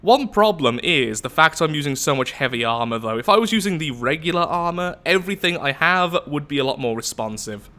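This young man's voice is a little high, expressive and pushed bright, moving a touch fast with hardly any pauses, all with a nasal, flu-stuffed sound. He commentates a space game let's play casually, musing aloud and poking fun at himself.

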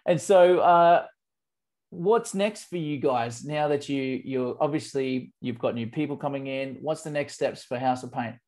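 A man's voice: mid-range voice, measured pace, darkish tone. A man in his thirties hosting a marketing interview over a video call, talking with enthusiasm and casual slang. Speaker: marketing agency host. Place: office with branded backdrop. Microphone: earphone headset.

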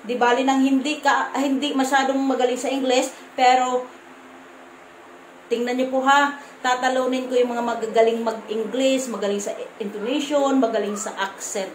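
Visayan woman vlogger, firm blunt delivery with halting restarts, high voice, roomy echo. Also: steady tone, a little hiss or hum. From Visayas, Philippines. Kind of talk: casual vlog to camera. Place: room at home.

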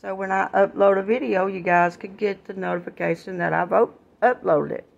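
An older woman vlogger runs briskly through her grocery haul at home, chatting to y'all in an easygoing, homely style. Her gravelly voice is medium-pitched, and the kitchen phone recording has its highs cut off.

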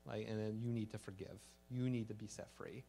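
A pastor giving a conversational sermon, acting out everyday exchanges and ending in prayer. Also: male voice, on the low side, steady tone, brisk, creaky, warm tone, a little hiss or hum. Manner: conversational, acts out little dialogues, fillers like "like"; earnest prayer to close.

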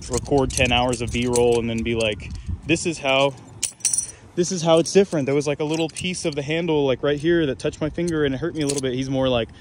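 A man's voice: mid-range voice, quick pace, hardly any pauses. Laid-back young man rambling casually. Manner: laid-back, filler-heavy, lots of "like" and "you know what I'm saying". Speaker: balisong flipping YouTuber. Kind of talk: casual rambling vlog talk. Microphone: camera mic while flipping on camera. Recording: noisy background, traffic and jangling sounds.

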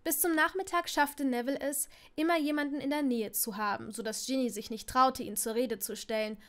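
A woman with a high voice narrates a fan fiction audiobook. She reads every part herself and lifts her voice when the dialogue turns excited. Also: brisk. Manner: reads all parts, lifting pitch and volume for excited dialogue. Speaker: audiobook reader.

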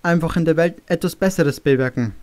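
A man reading an audiobook, voicing a boy who quietly explains a hard decision. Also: on the high side, a little fast, natural voice. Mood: quiet, earnest. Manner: quiet, subdued. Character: quiet, earnest young boy.

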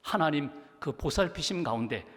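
A male pastor preaches with emphasis, putting rhetorical questions to his congregation. His voice sits fairly high. The sound carries the long reverb of a church sanctuary. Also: lively intonation, normal speed, a bit bright. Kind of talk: sermon.

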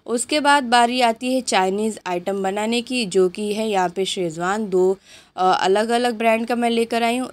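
A woman hosting her cooking channel, chatting unhurriedly through a grocery haul while filming at home on a handheld phone. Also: mid-range voice. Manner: chatty, unhurried listing of items. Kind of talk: grocery haul show-and-tell. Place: indoors at home, items on a patterned rug.

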